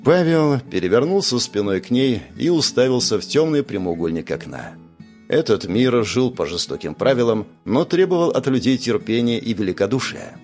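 A man narrating an audiobook and voicing the characters in a lively way. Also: moderate pace, soft background music. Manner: lively, shifts pitch for characters.

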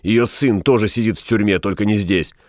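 A man reading a storybook voices a practical prisoner who argues briskly and insistently. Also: fairly low pitch, dry recording, studio quality, natural voice.

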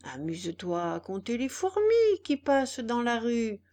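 A woman voicing a calm, kindly female snail who speaks in a drawn-out, unhurried way. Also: fairly high pitch. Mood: placid.

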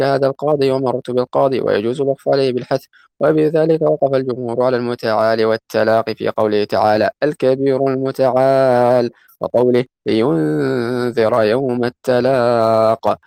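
Reading a classical grammar text during a lesson, a male student hurries through the prose at a brisk pace but chants the quoted verses more slowly. His medium-pitched voice is gravelly with fry yet a little mellow. The mic is close and the sound dry, with no echo.

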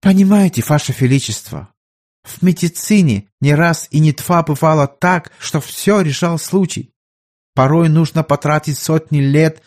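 A man's voice: fairly high pitch, a little mellow, pitched above the performer's own voice, lightly acted. A man voicing an earnest middle-aged court doctor who pleads respectfully with his monarch, in an audiobook.

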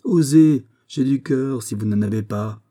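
A man's voice: mid-range voice, moderate pace, warm tone, slightly rough, lightly acted. A man voicing an anguished, jealous young nobleman in an audiobook, pleading with passion. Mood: desperate. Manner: pleading, impassioned. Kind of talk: audiobook reading.

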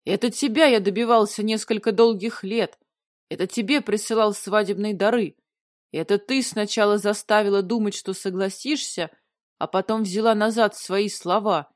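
A big, stubborn male dragon growls low and bursts into roars, put on by a woman reading the audiobook. The voice sits close and dry, with no room around it. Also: animated, normal speed, few pauses, dry recording, lightly acted. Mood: roaring. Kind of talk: audiobook character voice.

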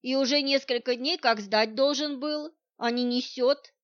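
A woman's voice: high voice, a little slow, a bit bright, no echo. A woman voicing a fussy, pestering small-town librarian who nags and pleads over an overdue book, in a dull lo-fi audiobook recording. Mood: nagging. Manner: pleading, nagging. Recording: dull lo-fi sound.

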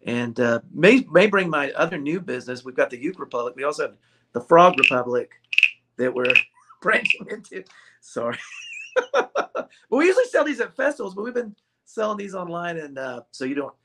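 A man's voice: fairly high pitch, big pitch swings, normal speed, background noise. A man who owns a ukulele store, chatting casually in an interview, joking and laughing often. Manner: jokey, laughs often, rambling.

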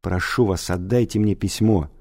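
A man's voice: sits low, moderate pace, mellow. A man voicing an upset schoolboy demanding his letter back, in an audiobook reading. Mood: pleading. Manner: pleading, then indignant. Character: indignant poor schoolboy pleading.

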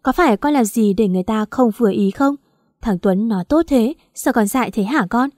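A woman's voice: a little high, fairly quick, a little mellow, no room sound, studio quality, close to an everyday voice. A woman voicing a worried older village mother who scolds and pleads with her daughter. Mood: anxious.

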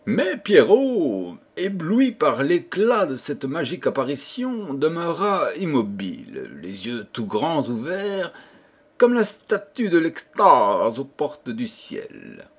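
Expressive male audiobook reader for a children's fairy tale; husky voice, lively melody, slightly higher pitch. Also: slow pace. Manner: expressive, addressing listeners as children. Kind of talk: storybook narration for children.

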